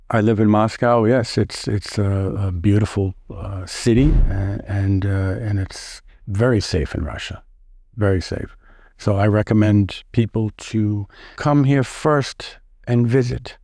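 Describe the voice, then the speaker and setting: Middle-aged guy from the us, lowish dark voice, stops and restarts a lot, dry close sound. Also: no room sound. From United States. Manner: halting, with many restarts and repeated words. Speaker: interview guest. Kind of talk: casual interview answers.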